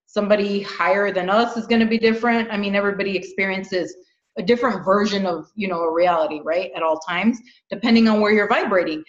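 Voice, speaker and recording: A woman's voice: mid-range voice, quick pace. A middle-aged woman talking earnestly and animatedly in a casual spiritual chat, often repeating her words. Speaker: spiritual podcast co-host. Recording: echoey room, dull lo-fi sound.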